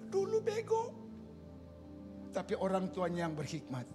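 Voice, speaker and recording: A male pastor preaching a lively, joking sermon in a church, acting out stories with sudden shouts. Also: high voice, measured pace, over music. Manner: animated, jokey storytelling with sudden shouts and voices. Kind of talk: lively sermon with acted-out anecdotes. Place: church sanctuary.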